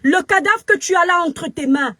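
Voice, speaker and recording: A woman's voice: extremely high pitch, moderate pace, sharp tone, dry recording. A Cameroonian woman with a Cameroonian French accent, ranting angrily into her phone camera as a social media commentator, scolding and preachy with emphatic repetition. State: very upset. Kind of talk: angry live video rant.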